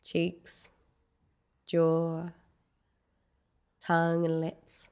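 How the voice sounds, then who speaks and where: Leading a guided meditation, a woman speaks in a low, monotone voice with a clean tone. She offers gentle directions at an unhurried pace, pausing at length between them.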